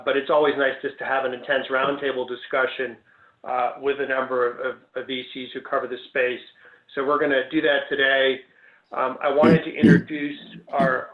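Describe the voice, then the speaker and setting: A man gives hesitant welcoming remarks on a video call, introducing a panel as the event organizer. His delivery is halting and flat in pitch, full of ums and restarts, and the line sounds tinny and echoey.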